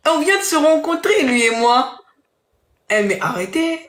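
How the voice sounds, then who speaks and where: A woman's voice: high-pitched, lively intonation, unhurried, fairly bright tone. A woman chatting casually in French with the odd English word mixed in. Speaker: participant in a live online matchmaking chat. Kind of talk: casual chat. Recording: echoey room with background noise.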